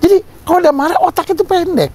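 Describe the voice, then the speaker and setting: A man's voice: very high voice, rapid-fire. A male pastor preaching a sermon, joking with the congregation and acting out little scenes. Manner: animated, joking asides to the congregation, mock voices.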